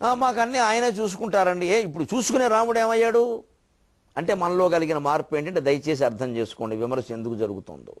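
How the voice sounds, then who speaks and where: An older man giving a religious discourse, indignant and scolding, firing off rhetorical questions and slowly chanting verses. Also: fairly high pitch. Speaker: spiritual orator.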